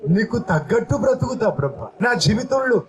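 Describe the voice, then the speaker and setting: A man's voice: very high-pitched, very animated, moderate pace, rough recording. A male pastor preaching a sermon and leading his congregation through a repeat-after-me prayer.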